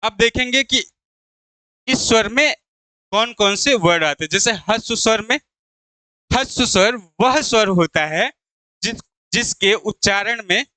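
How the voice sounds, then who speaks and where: Slow, bright-voiced male Hindi teacher. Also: high-pitched, no echo. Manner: asks a question, then answers it himself; repeats key terms slowly. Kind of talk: exam-prep video lesson.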